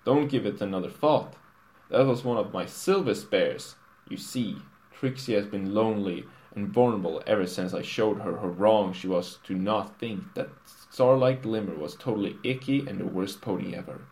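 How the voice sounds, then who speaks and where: A man's voice: on the low side, moderate pace, a little mellow, natural voice. A man voicing a smug, vain male pony millionaire in a comic storybook reading, boastful and teasing.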